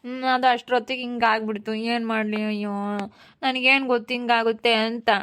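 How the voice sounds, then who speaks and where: A woman's voice: a little high, level tone, fast talker, fairly bright tone, clean tone, natural voice. A woman voicing a fallen man who whines that he cannot get up, with a Hiriyur Kannada accent. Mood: whining. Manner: whiny, pleading, sly teasing. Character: Sundara, a fallen man playing helpless.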